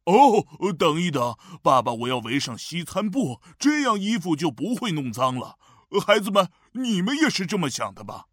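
A woman doing a jolly, calm storybook father who lowers his voice. His pitch moves lively, and he sounds dry and close. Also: normal speed, hardly any pauses, dry recording. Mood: cheerful. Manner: deep put-on voice, cheerful.

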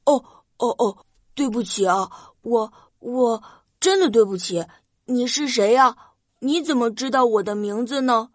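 A woman voicing a timid, lonely female robot in a children's story, gentle and hesitant in the way she talks. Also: a little high, measured pace, no echo, studio quality, voice pushed down. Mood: flustered, apologetic. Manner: hesitant, stammering, apologetic.

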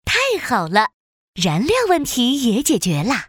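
Lively, high-voiced woman narrating children's stories. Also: measured pace, husky, dry recording, studio quality. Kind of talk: animated scripted children's story narration.

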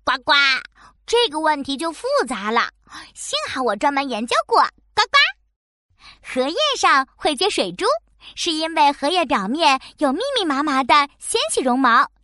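A small, eager frog from a children's science cartoon. The frog voice is very high and bright, dotted with croaks, and recorded very dry. It explains things in a friendly, patient, little-teacher manner with lively swings in pitch. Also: female voice, moderate pace, no room sound. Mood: explanatory. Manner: frog voice, punctuating talk with croaks.

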